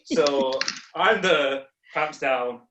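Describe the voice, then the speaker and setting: A man's voice: on the high side, very slow, recorded from a distance, a crowd in the background. Young male podcast co-host, rambling and self-mocking, voice well off the mic in an echoey room. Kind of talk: casual chat, storytelling.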